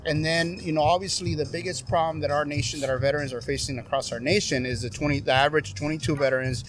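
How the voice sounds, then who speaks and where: On a covered patio under string lights at night, a middle-aged veteran who works as a veteran advocate guests on a casual podcast, joking, teasing his friends, and laughing often. His voice is on the high side with a steady tone, fast, with slight background noise.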